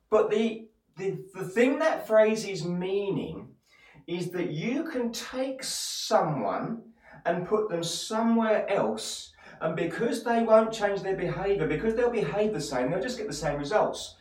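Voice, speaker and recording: Male pastor, Essex accent, encouraging sermon delivery with rhetorical questions, distant mic in a reverberant room. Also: high voice. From Essex, England. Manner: encouraging, addresses listeners directly with rhetorical questions and repeated phrases. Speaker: church pastor. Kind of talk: motivational sermon. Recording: echoey room, distant microphone.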